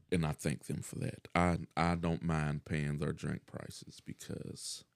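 A man's voice: rumbling low, little pitch movement, slow, gravelly, dry recording, clean studio sound. A middle-aged man chatting casually as a podcast guest, laid-back and profane, laughing often.

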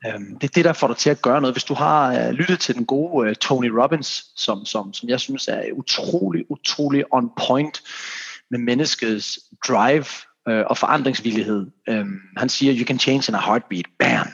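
Husky, gravelly Danish-speaking man. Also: mid-range voice, fairly bright tone. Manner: rambling, restarts sentences, mixes in English phrases. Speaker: podcast host and fitness coach. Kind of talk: casual podcast conversation. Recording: dull lo-fi sound.

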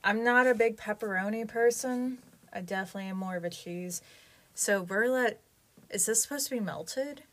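A woman's voice: mid-range voice, moderate pace, a bit bright. A young woman in casual vlog chat, talking in a chatty, rambling way while recording inside a small closet at home. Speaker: vlogger. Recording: light background noise.

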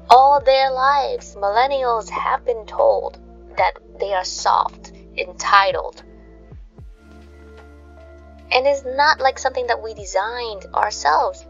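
A sleep podcast host narrates like a bedtime story, speaking soothingly and gently to her listeners. Her medium-pitched voice carries a creaky, fried edge, and the slightly dull recording has faint music behind it.

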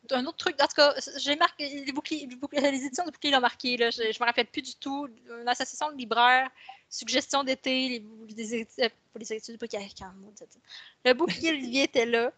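A woman's voice: high voice, steady tone, fairly quick, pushed and bright, no echo. A woman with a Québécois French accent, an author chatting casually as a podcast guest, rambling and correcting herself as she goes. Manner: rambling, self-correcting, many restarts.

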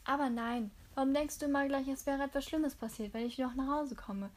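A woman's voice: sits high, brisk, natural voice. A woman voicing a cheerful, playful young adult daughter who teases and giggles, in an audiobook reading. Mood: affectionate. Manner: giggly, teasing.

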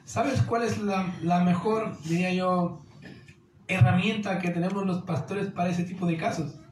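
A man's voice: sits high, steady tone, a little slow, reverberant, background noise. A man preaching a sermon as pastor, earnest and direct, often calling listeners "querido".

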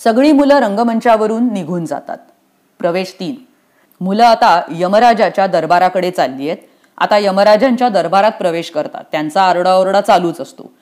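A narrator reading the stage directions of a children's play aloud in a plain, steady way. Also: medium pitch, normal speed.

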